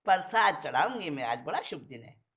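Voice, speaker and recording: A woman's voice: low-pitched, big pitch swings, moderate pace, a bit bright. A woman voicing a loving, motherly sister-in-law with a fond, coaxing manner.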